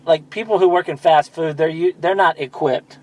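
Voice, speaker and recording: A man's voice: a little high, fairly even intonation, normal speed. A man hosting a podcast in casual chat, rambling and profane, with self-deprecating asides. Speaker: podcast host.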